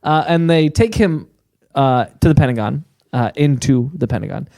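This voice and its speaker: A man's voice: mid-range voice, lively intonation, normal speed, creaky, mellow, dry recording. A man co-hosting a podcast, telling a story in casual chat and laughing often. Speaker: podcast co-host.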